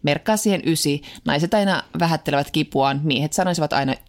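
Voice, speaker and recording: A woman co-hosting a casual chat show, playful and teasing, laughing easily. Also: low-pitched. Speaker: podcast co-host.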